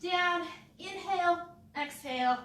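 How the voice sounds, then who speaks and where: A woman's voice: very high voice, unhurried, fairly bright tone, distant mic. A woman leading a live home workout, upbeat as she cues the moves and counts reps. She sounds sniffly with a runny nose. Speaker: fitness instructor. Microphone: camera mic from a distance. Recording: echoey room, voice away from the mic.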